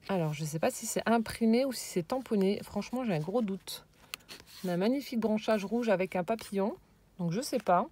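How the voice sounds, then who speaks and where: A woman's voice: mid-range voice, brisk. Hesitant French woman admiring crafts. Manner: hesitant, searching for words, many fillers; admiring, drops into soft whispered asides. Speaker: vlogger showing a handmade scrapbook album. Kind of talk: casual show-and-tell.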